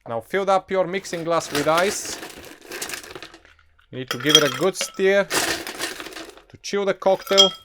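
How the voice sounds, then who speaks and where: A man's voice: high-pitched, measured pace, long pauses. A man with a non-native English accent presents a casual, enthusiastic instructional tutorial as a bartender, talking directly to viewers. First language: not English. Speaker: bartender presenting cocktail recipes. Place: indoor bar set, behind counter. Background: music.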